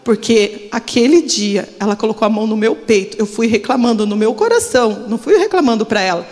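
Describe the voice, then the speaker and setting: A woman's voice: fairly high pitch, expressive, brisk, a little mellow. A middle-aged woman pastor with a Brazilian Portuguese accent, giving an emotional, confessional testimony in a church service. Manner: emotional, confessional, trembling with nerves. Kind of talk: testimony sermon. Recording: long church hall reverb.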